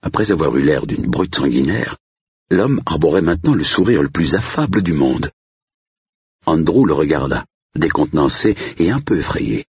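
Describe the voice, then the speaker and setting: A man with an extremely low, gravelly, husky voice reads a novel in a measured, steady way. His pitch moves a lot across phrases. The sound is dry and dull, like a lo-fi recording. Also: dry recording. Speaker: audiobook narrator. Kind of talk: scripted narration.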